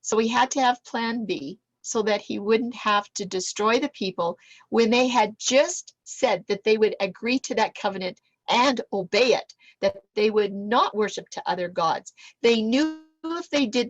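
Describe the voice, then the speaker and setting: A woman teaching a Bible lesson to a small group, reading scripture aloud with lively emphasis. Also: mid-range voice, normal speed, no echo, dull audio.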